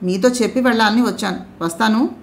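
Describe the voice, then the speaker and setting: Woman reading it as a touchy young husband, blunt and proud, snaps back quick. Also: fairly high pitch, natural voice. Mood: sulky. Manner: blunt, sulky retorts.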